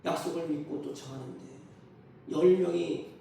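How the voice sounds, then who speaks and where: A man's voice: a little high, steady tone, normal speed, gravelly, noisy background. A male pastor preaching a sermon, emphatic, often putting questions to his congregation. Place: church sanctuary. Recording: echoey hall from far off.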